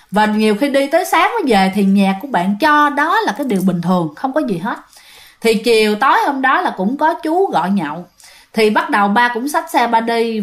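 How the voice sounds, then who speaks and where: A woman telling ghost stories in a chatty way, talking straight to her listeners, with a phlegmy throat. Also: fairly high pitch. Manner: chatty, addresses listeners directly. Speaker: ghost story narrator. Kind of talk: casual storytelling narration.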